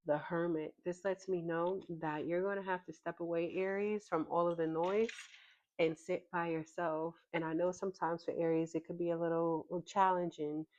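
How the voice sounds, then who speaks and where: A woman with a notably low voice talks through a tarot spread in a relaxed, unhurried way, pausing often with ums as she thinks aloud. The recording sounds a little dull and lo-fi. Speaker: tarot reader. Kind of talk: casual tarot reading to camera.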